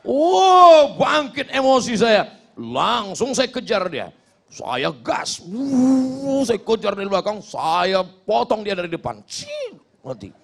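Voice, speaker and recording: A man's voice: high voice, big pitch swings, unhurried, creaky, fairly bright tone, a faint crowd. A man giving a humorous sermon as a preacher, acting out little dialogues and chanting Arabic verses.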